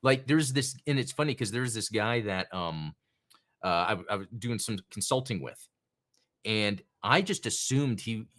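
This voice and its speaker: A man with a fairly low, slightly bright voice hosts a casual live-stream chat show, sounding animated and unhurried. As a podcast host, he rambles chattily through his thoughts and reads out viewers' names from the chat to greet them.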